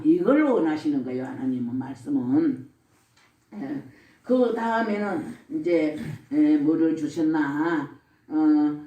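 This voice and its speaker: An older woman with a Gyeongsang accent tells her faith testimony, posing questions and answering them herself. Her voice is mellow and swings widely in pitch. She sits some way from the mic in a roomy, echoing space. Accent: Gyeongsang Korean. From Gyeongsang region, Korea. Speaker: church deaconess giving testimony. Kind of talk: spoken testimony. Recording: echoey room, speaker far from mic.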